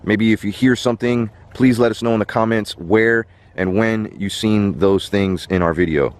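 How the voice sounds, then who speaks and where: Low-voiced man vlogging at night. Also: fairly even intonation, normal speed. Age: 30s. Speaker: host. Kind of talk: casual night vlog narration. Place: outdoors in woods at night. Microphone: handheld camera. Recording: faint outdoor background noise.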